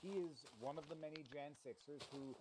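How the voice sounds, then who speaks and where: A man hosting a live stream, giving animated, opinionated commentary. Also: on the high side, fairly quick, noisy background. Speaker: streamer host.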